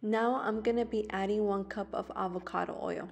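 A woman's voice: medium pitch, steady tone, fairly quick, gravelly. A young woman vlogger narrating a recipe voice-over, explaining each step plainly. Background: guitar music.

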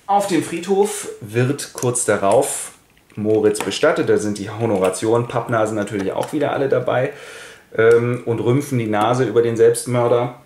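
Fields: man, casual ironic comic narration. Pitch: middle. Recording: roomy. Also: normal speed, darkish tone, a little hiss or hum. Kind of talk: comic literature retelling with toy figures. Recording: roomy echo.

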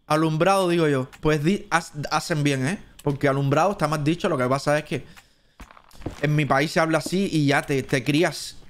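A man with a Cuban Spanish accent talks his way through a live gameplay stream, thinking aloud and chatting to his viewers. His voice sits somewhat high for a man, and now and then he jumps up into a squeaky put-on tone. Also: normal speed. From Cuba.

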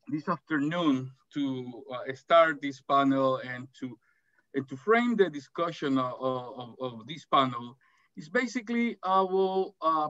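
His fairly high, bright voice has a forceful edge and no room sound as he moderates an academic webinar. A middle-aged man from El Salvador, he presents from an office over a video call, stumbling through fillers and restarts on dull, dry audio.

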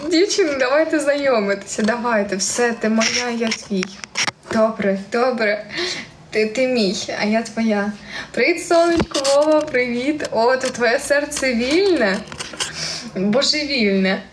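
In an echoey room with faint ambient sound, this young Ukrainian streamer with a central surzhyk accent chats and reads comments aloud, often giggling. Her voice sits on the high side, expressive and unhurried.

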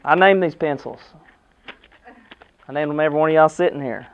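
Speaking briskly in a fairly high voice, a middle-aged American basketball coach fires up his team in an indoor locker room with punchy phrases and rhetorical questions. A camera a few metres away records him, and the audio is dull with a little hiss or hum.

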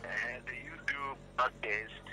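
A man's voice: medium pitch, fairly even intonation, a little slow, rough recording. A middle-aged man, a parent heard over speakerphone, questioning and admonishing. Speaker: father on a phone call. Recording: speakerphone call under music. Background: music.

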